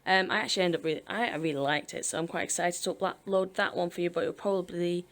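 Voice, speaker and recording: Talking fast in a lowish, steady voice, a British woman in her twenties rambles over a video game build. She's a Sims speed-build YouTuber, chatty and self-deprecating, and she laughs a lot during the casual gameplay chat.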